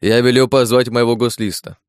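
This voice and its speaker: A man's voice: medium pitch, flat delivery, brisk, smooth, dry recording, studio quality, lightly acted. A man voicing a tipsy, wary old village priest who speaks hesitantly in an audiobook. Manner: hesitant, subdued. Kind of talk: audiobook character voice.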